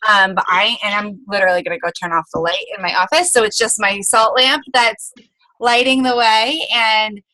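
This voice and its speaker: A woman hosting a group call from her office, introducing a session in an excited, informal, chatty way. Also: mid-range voice, moderate pace, no room sound, poor audio. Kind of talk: casual introduction.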